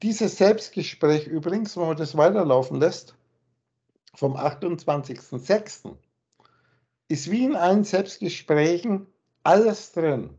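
Husky man lecturing over a muffled call. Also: a little high, expressive, mellow. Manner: circling, repeats words, slows to stress single words. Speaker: spiritual teacher explaining texts. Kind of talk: rambling explanatory talk on a call. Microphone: video call.

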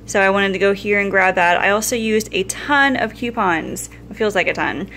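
A woman's voice: mid-range voice, moderate pace, sharp tone, a little hiss or hum. Chatty woman walking through a grocery haul. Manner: chatty, upbeat and item-by-item. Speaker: vlogger showing a grocery haul. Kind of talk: casual chat. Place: home kitchen, indoors.

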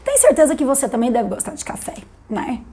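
A woman from Brazil, an English teacher, chatting through a video lesson and slowly repeating English words for emphasis. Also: high-pitched, huge pitch swings, dark tone, slightly rough.

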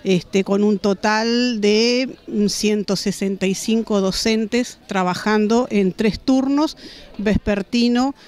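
A woman in her forties with a Uruguayan accent, a school principal answering a news interview outdoors, speaking in a measured way with many "este" fillers. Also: medium pitch, darkish tone. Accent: Uruguayan Spanish. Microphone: handheld reporter mics held to her face.

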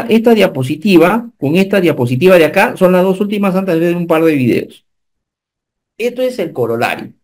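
A man, giving an animated online safety lecture and often checking whether the class follows. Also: high-pitched. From Peru. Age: 50s. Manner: animated teacher, asks the class checking questions. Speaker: occupational safety instructor.

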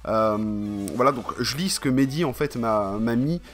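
A man's voice: mid-range voice, expressive, moderate pace, soft background music. A man from France chatting casually to camera in a vlog, rambling and slangy, with many fillers. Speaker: vlogger.

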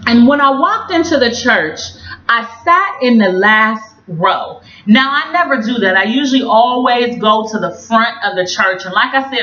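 A woman tells a faith testimony straight to her viewers, acting out her own past lines with sudden jumps in pitch. Her voice sits a little high and carries a bright, forceful edge. The recording sounds roomy and a bit dull. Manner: faith-filled, addresses viewers directly. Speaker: video host sharing a personal story. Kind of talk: personal testimony storytelling.

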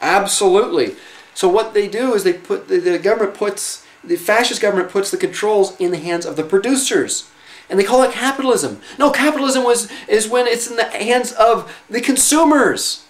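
A man's voice: high voice, expressive, normal speed. Sarcastic man rambling in an echoey room. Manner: conversational, rambling, sarcastic asides, frequent restarts. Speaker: vlogger introducing a reading-list article. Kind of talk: casual spoken commentary on an essay.

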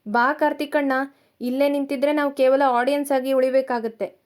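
A woman's voice: high-pitched, fairly even intonation, moderate pace, darkish tone, lightly acted. A woman doing a cheeky younger sister. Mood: playful.

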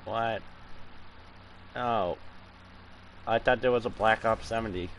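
A man's voice: fairly low pitch, slow pace, a bit bright, a little hiss or hum. A man hosting a casual gaming video, chatting in a goofy, joking, slangy way with a friend. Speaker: gaming channel host.

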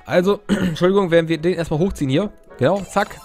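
A man's voice: high-pitched, quick pace, darkish tone, soft background music. A young man giving casual, rambling gameplay commentary, cracking crude jokes and interrupting himself. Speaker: Let's Play host.

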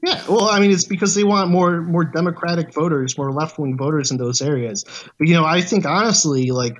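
A man's voice: fairly high pitch, brisk. A man speaking as a guest in a casual podcast chat, hesitant and full of fillers.

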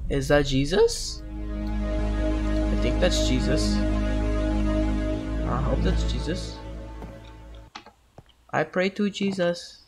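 A man's voice: a little high, very slow, pauses often, loud music behind the voice. A man who is sick, giving casual, jokey let's-play commentary on a horror game and getting easily spooked. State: sick, coughing. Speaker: gameplay commentator.

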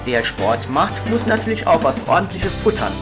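A man's voice: high voice, sing-song, moderate pace. A man hosting a local video report, narrating cheerfully and asking interview questions. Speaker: host and interviewer. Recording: music bed behind the voice.

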